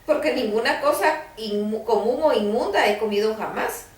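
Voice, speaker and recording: A woman's voice: a little high, moderate pace, distant mic, lightly acted. A woman reading the words of a humble, devout apostle in an earnest, plain way. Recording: roomy, voice a bit off-mic.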